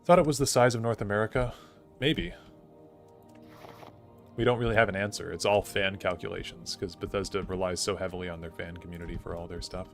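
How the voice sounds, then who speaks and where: A man's voice: low voice, fairly even intonation, brisk, faint music behind. A young man streaming a game live, chatting casually and thinking aloud with lots of "like" fillers as he answers chat. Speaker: gaming streamer.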